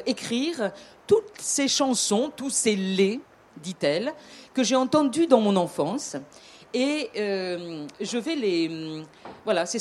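A woman's voice: medium pitch, darkish tone. A woman with a southern French accent telling an old tale in a casual, hesitant way, with many fillers, restarts and joking asides. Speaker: storyteller. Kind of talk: casual storytelling talk.

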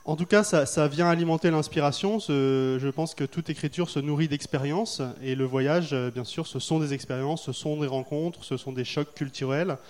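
Thoughtful French man, slightly high voice. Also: normal speed, hardly any pauses, a little mellow. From France. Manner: thoughtful, hesitant with many fillers. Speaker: author guest. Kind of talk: festival interview.

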